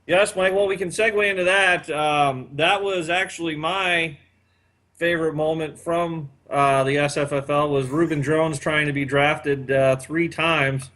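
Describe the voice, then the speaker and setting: A man's voice: a little high, steady tone, a little slow, a bit bright. A man in his fifties hosting a casual chat, rambling with many fillers. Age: 50s. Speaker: podcast host.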